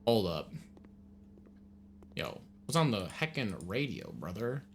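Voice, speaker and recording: A man's voice: lowish voice, huge pitch swings, slow pace, creaky, slight background noise. A man doing casual, jokey gaming commentary as a let's play host, full of slang.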